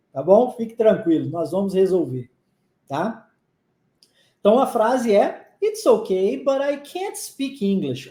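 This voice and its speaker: A teacher whose first language is Portuguese leads a live online English lesson in a mellow, dark voice. Phrases are drilled slowly and repeated, with frequent quick check-ins to the learners. The room is echoey. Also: medium pitch.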